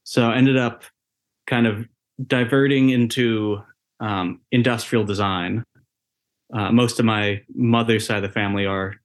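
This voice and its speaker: A man from Massachusetts in his thirties, a tattoo artist answering interview questions thoughtfully with fillers. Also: on the low side. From USA, Massachusetts.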